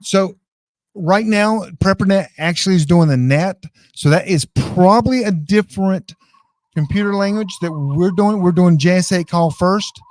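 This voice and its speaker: This online class presenter demonstrates radio gear indoors, leading a casual, hands-on live tutorial in a folksy, informal tone directly to his viewers. He is high-pitched with a darkish tone and a moderate pace, recorded dry.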